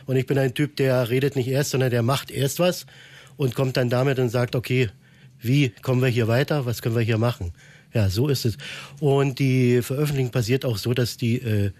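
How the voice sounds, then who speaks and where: A man's voice: mid-range voice, fairly even intonation, fairly quick, darkish tone, dry recording. A man from Berlin, a photographer, answering a radio host's questions in an earnest, thoughtful way as he searches for words. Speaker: photographer, studio guest. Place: radio studio.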